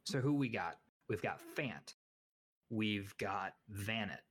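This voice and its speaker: With a fairly low, slightly rough and somewhat bright voice, this young podcast co-host talks slowly yet expressively in a casual sports conversation. His talk wanders, he's full of opinions, and he regularly pokes fun at himself.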